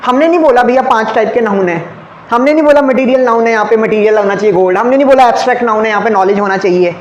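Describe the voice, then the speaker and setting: A male teacher runs an exam-prep grammar lesson, firing questions at the class and answering them himself. He keeps checking whether everyone has followed. His voice rings around a reverberant classroom over a faint steady hum. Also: high voice, very fast, muffled recording. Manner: checks often with "clear?" and "okay". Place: classroom with ceiling fans. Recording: echoey room, faint background hum.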